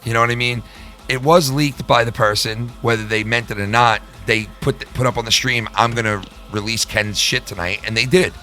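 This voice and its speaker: A man's voice: mid-range voice, steady tone, moderate pace, bright, forceful tone, faint music behind. A man hosting a live show in casual livestream talk, profane, rambling and emphatic.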